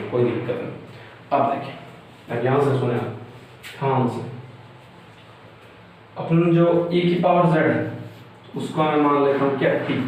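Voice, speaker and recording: A young man explains a math problem step by step, often pausing to check that his students follow. His slightly raised voice comes from some distance off the mic. The room around him is very echoey, with a faint hiss underneath. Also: a little high, a little mellow. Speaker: math teacher. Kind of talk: whiteboard math lecture.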